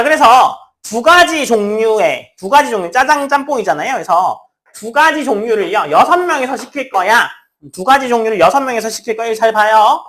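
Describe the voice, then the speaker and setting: A woman teaching a math class, explaining with everyday examples and casually acting out what students say. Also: a little high. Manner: lively, talks to students in casual speech, acts out student lines. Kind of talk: classroom lecture.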